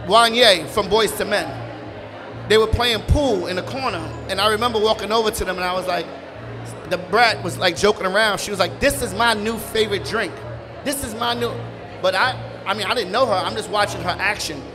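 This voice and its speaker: New York guest, higher male voice, relaxed animated storyteller, music playing behind. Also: brisk. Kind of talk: casual interview storytelling. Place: live brunch event.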